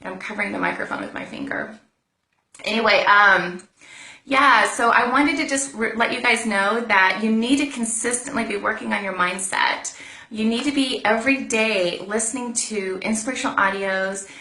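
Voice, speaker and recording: Chatty lady doing a motivational live video, bright voice in an echoey room. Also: a little high, moderate pace. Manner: chatty, repeats herself, greets commenters. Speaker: entrepreneur live streamer. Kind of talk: casual motivational live stream. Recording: roomy echo.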